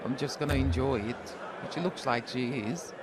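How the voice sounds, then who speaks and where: A woman's voice: extremely low pitch, normal speed. A woman co-commentating on live darts as a pundit, in a chatty style. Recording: crowd and clear background noise.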